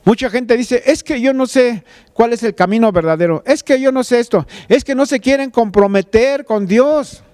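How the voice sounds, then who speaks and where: Male pastor, high smooth voice, conversational sermon delivery, talks right to the listener. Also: normal speed, a little mellow. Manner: preaches conversationally, retelling a scripture story with quoted pleas; addresses listener directly as "tú".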